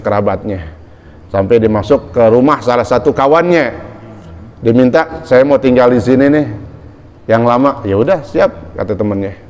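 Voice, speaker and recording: A man's voice: medium pitch, a little mellow. A middle-aged man with a Jakarta Betawi accent giving a casual religious lecture, telling a story with sudden emphatic rises. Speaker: Islamic preacher.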